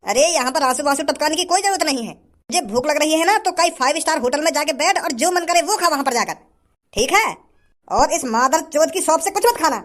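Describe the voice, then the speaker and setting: A comedy sketch features an actor as a generous rich youth forcefully lecturing a tight-fisted shopkeeper. The voice is very high, expressive and brisk.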